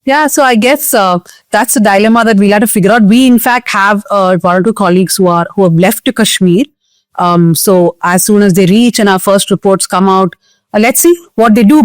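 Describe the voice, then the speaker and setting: A woman's voice: mid-range voice, dry recording. A woman with a South Indian English accent hosting a news discussion in an earnest, explanatory, conversational way. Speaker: host of a current affairs discussion show.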